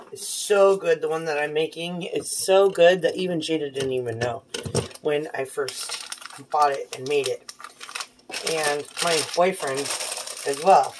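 With a phone camera propped on the counter, a mom in her thirties chats casually in a low voice while cooking with her daughter, offering lots of praise. The home kitchen background is noisy, marked by the clear clatter of dishes and pans.

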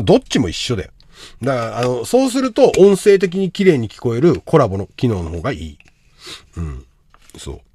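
A man hosting a livestream, reading out a viewer's love troubles and impatiently insulting him to join the call, dropping to mutters and then bursting into shouts. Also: medium pitch, no echo. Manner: brash, insulting, impatient, swinging from mumbles to shouts. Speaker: livestream host giving advice. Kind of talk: livestream chat reading comments.

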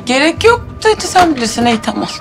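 An actress playing an excitable, quick-tempered pregnant housewife who talks to herself a lot. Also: female voice, high voice, music in the background. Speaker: pregnant wife. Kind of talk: TV drama acting.

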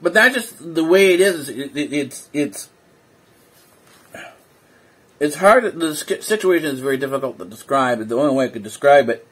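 A man's voice: fairly high pitch, lively intonation, a little fast, a bit bright, slightly rough. A man talking casually in a vlog while sitting indoors, rambling and hesitant with many fillers and restarts, a little sleepy. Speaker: vlogger. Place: indoors, seated.

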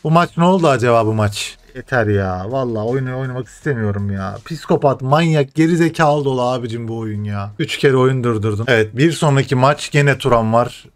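A young man playing a football video game, commenting live, often cursing and yelling at the game. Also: medium pitch, fairly quick, hardly any pauses, faint music behind. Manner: frustrated swearing, shouts at the game. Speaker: gaming streamer.

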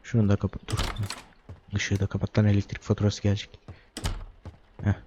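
A man's voice: on the low side, monotone, a little fast, dull audio, background noise. A young man giving joking horror game commentary, talking to the baby character and reading game text aloud. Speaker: gaming YouTuber.

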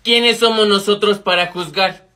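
A man's voice: high voice, fairly even intonation, a little slow, bright, forceful tone, voice pushed down. A man playing Ramiro, cocky teasing schoolboy. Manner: teasing, boastful. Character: cocky teenage schoolboy, joking troublemaker.

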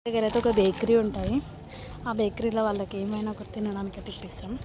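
A woman's voice: medium pitch, flat delivery, fast, noisy background. A young woman, chatting casually to camera in a vlog, switching to soothing a crying child now and then. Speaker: vlogger.

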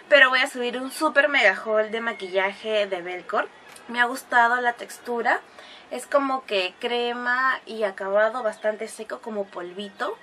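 Woman, makeup tutorial vlog, crisp bright tone, slightly high voice, step-by-step chatter. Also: slight background noise. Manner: chatty, explains each step as she goes; gushing exclamations over products. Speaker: beauty vlogger.

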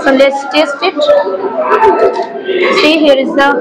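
High-voiced Bengali woman reviewing food. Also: little pitch movement, takes it slowly. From India. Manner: enthusiastic, short exclamations while tasting. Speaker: food vlogger. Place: busy restaurant, indoors. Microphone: clip-on lapel mic. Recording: crowd noise in a busy restaurant. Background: restaurant crowd chatter.

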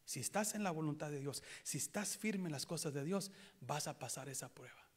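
A man preaching a sermon with a Latin American Spanish accent, swinging from hushed near-whispers to loud impassioned outbursts in a church. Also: fairly high pitch, animated, normal speed, slightly rough. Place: church sanctuary in Chicago.

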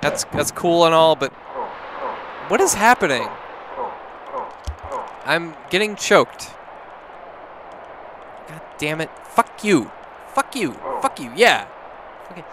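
A drunk man commentating on a wrestling video game, swearing, shouting and laughing at what happens on screen. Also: a little high, very animated, slow, pauses often, background noise. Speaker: gameplay commentator. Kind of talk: drunk let's-play commentary. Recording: game music behind the voice. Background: video game music.

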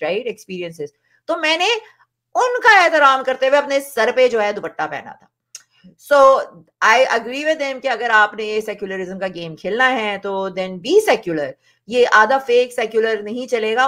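A woman's voice: on the high side, a bit bright. A woman giving an opinionated reaction commentary, emphatic and repetitive, mixing in English phrases. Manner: emphatic, repetitive, switches between Hindi and English. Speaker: reaction vlogger.

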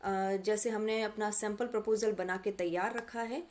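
A woman's voice: medium pitch, steady tone, normal speed, a little mellow. A woman mentor walking students through an online course portal in a patient, step-by-step tutorial. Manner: patient step-by-step explaining, addresses students directly. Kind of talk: screen-recorded tutorial walkthrough.

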